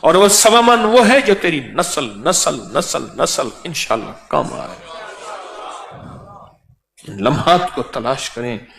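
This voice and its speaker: A man preaching a sermon, chanting verses and then explaining them slowly. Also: a little high, animated, gravelly, a bit bright. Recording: echoey hall with long reverb.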